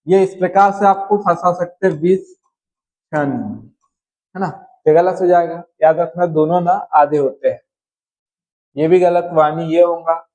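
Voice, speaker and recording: A man with a high, warm voice leads a slow Hindi spelling-correction lesson, explaining each word in turn and often checking in with his students using "है ना". The recording quality is low.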